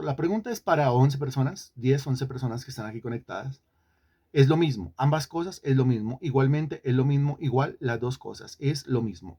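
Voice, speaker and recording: A man's voice: medium pitch, a little mellow. A man teaching an online Bible lesson, often repeating himself and putting questions to the students. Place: online class.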